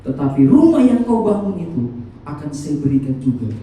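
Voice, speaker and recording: A man's voice: on the high side, big pitch swings, moderate pace, dark tone, voice pushed down. A man voicing a commanding male company boss within a sermon story. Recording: echoey church hall from far off.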